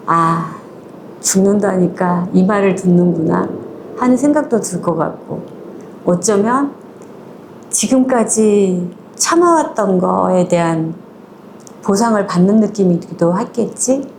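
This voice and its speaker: A woman retells a short story in a chatty, conversational way, shifting between polite and casual speech and acting out the quoted lines in small voices. Her voice is medium-pitched and a little mellow, with a bit of hiss or hum in the recording.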